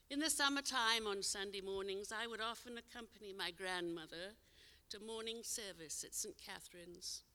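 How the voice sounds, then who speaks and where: An older woman telling a personal memory in a measured, gentle storytelling manner, her phrase endings trailing off softly. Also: medium pitch. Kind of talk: told personal memoir on stage. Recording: long hall reverb.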